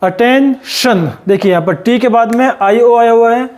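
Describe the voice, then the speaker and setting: High-ish voiced guy, teaching english word by word, spells letters out slow and repeats everything. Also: darkish tone. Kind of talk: classroom lesson.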